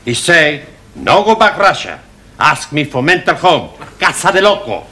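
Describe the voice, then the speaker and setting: A man's voice: a little high, sing-song, normal speed, bright, forceful tone. An actor playing a cheerful Spanish barman student who speaks broken English with a heavy Spanish accent, in a sitcom scene. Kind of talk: 1970s studio sitcom acting. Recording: noisy studio audience laughter. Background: studio audience laughing.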